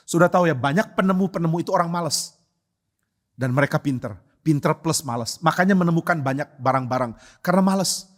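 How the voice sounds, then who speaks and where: Male pastor, church sermon, conversational and humorous, rhetorical questions, fairly high voice.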